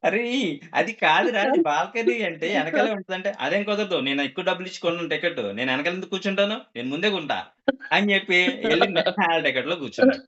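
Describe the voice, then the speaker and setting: A man's voice: sits high, quick pace, a bit bright, lo-fi sound. A man telling a comic story to a group, acting out the characters' quoted lines.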